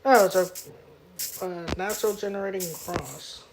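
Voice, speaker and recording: An eighteen-year-old woman rambles casually on a gaming stream in a youthful, almost childish voice, filling her talk with fillers and clearing her throat a lot. Her pitch is medium and her pace a little slow, with background noise in the clip.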